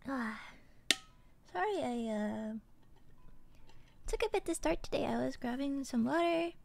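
A woman's voice: high voice, expressive, a little slow, gravelly, darkish tone, slight background noise. A woman streamer chatting casually with her viewers, tired and yawning, hesitant with lots of fillers and giggles. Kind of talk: casual chat with live chat.

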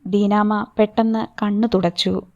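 A woman narrating a novel as an audiobook, with slow, even storytelling delivery. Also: mid-range voice, dull audio. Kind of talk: novel reading.

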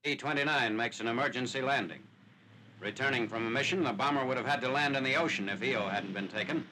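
A man reading a scripted wartime newsreel narration in a formal, measured announcing manner, heard on an old 1940s newsreel soundtrack. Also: mid-range voice, sharp tone. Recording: noisy, hissy 1940s newsreel film soundtrack.

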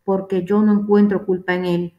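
A woman's voice: medium pitch, moderate pace, lo-fi sound, lightly acted. Woman reading a questioning Roman governor. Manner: steady solemn reading. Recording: roomy echo.

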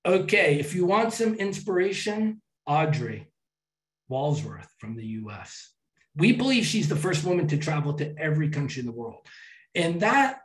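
A man giving a public talk to an audience and telling travel stories in a chatty way, with some restarts. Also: a little high. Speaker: travel speaker. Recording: echoey hall from far off.

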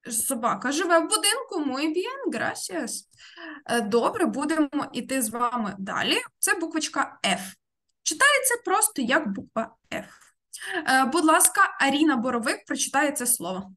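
Bright high-voiced woman teaching online. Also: very animated. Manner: slow, careful word-by-word explaining. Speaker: Spanish teacher.

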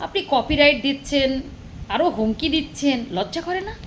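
High-pitched scolding woman vlogger. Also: expressive, brisk, slight background noise. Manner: scolding, sarcastic, taunting. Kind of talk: angry rant to camera.

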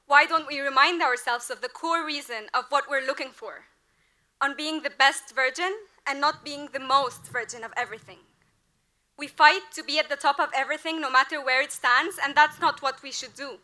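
Standing at the podium mic of a large outdoor ceremony, the graduating class representative, a woman in her twenties, gives her commencement address. Her high, bright voice carries an earnest, rhetorical delivery that rises to emphatic peaks.

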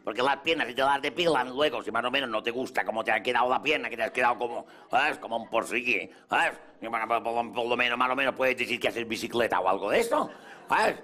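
A man's voice: medium pitch, lively intonation, fast talker, bright, forceful tone. A man with a Mallorcan accent performing stand-up comedy in character as a boastful self-styled latin lover, in a café before a live audience. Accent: Mallorcan Spanish. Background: audience laughter.

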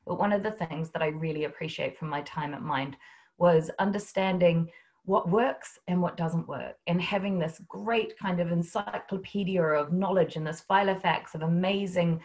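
A woman's voice: lowish voice, a little mellow. A woman with a New Zealand accent giving a humorous talk over a video call, telling stories about workplace stigma. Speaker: guest speaker. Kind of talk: webinar talk.

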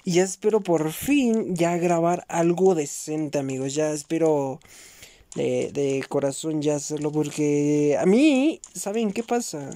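A young gaming YouTuber with a Mexican Spanish accent chats casually with viewers as he plays, slangy and swearing, constantly calling them "bros" and bursting out loudly at the game. His voice is a little high and a little slow.

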